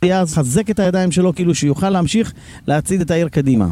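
A man who is a deputy mayor, a guest on live radio, making an emphatic campaign pitch and repeating phrases to stress them, speaking from a car on city streets. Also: dark tone, no room sound, faint music behind.

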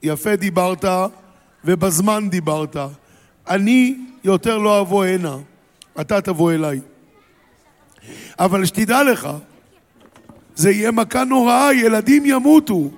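A preacher giving voice to a stern prophet who speaks firmly and raises his voice in warning. His voice sits high. The hall adds a long echo. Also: gravelly.

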